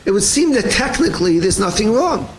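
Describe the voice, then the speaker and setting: A man teaching a Torah class, animated and acting out quoted voices, with Hebrew terms mixed into his English. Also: sits high, a little fast, slight background noise, low-quality recording. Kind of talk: lively Torah shiur.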